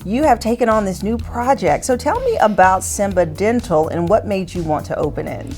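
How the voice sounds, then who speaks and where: Woman, talk show host, mid-pitched voice, upbeat, soft music under. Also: sing-song, normal speed. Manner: upbeat, encouraging, frequent affirming murmurs. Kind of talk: lifestyle TV hosting. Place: dental office.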